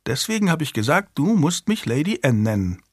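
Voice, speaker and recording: A man's voice: fairly high pitch, very animated, fairly quick, breathy edge, no echo, pitched above the performer's own voice. A man voicing a curious, precocious five-year-old noble girl in an audiobook, with a dry close sound. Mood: prim. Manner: prim and precocious.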